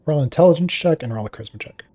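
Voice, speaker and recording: A man running a tabletop game as game master, narrating in a relaxed, hesitant way with many fillers. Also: a little high, racing.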